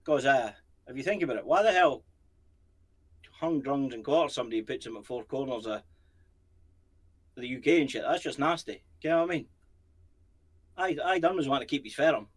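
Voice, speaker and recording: A man's voice: mid-range voice, expressive, a little fast, long pauses. Scottish male co-host, rambling casual banter, salty and jokey. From Scotland. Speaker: co-host of a paranormal channel. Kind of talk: casual chat.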